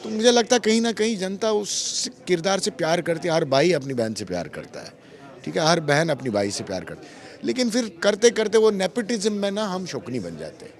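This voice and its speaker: A man being interviewed about an acting role, telling lively stories, acting out quoted lines and mixing in English phrases. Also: sits high. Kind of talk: animated storytelling interview.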